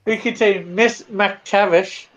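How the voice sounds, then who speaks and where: A man's voice: high voice, fairly even intonation, takes it slowly, a bit bright, a little hiss or hum. Giggly Canadian man on a live stream. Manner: giggly, laughs often. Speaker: guest YouTuber. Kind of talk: casual live-stream chat. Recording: slightly dull lo-fi audio.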